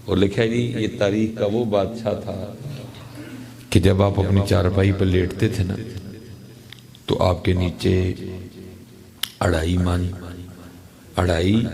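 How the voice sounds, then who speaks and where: Deep gravelly preacher. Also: male voice. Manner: dramatic storytelling with acted dialogue and chanted verse. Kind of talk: sermon storytelling.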